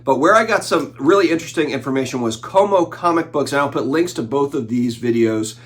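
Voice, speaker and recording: Here a man in his forties, down with the flu and a little nasal, delivers casual on-camera commentary for his collectibles channel. His medium-pitched voice is expressive and a little fast, and he keeps restarting sentences and dropping in fillers as he rambles.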